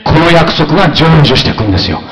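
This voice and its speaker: Animated male pastor preaching in a roomy hall. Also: on the high side, fast. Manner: animated, shifts between soft asides and loud exclamations; conversational, asks the congregation questions. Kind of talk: sermon.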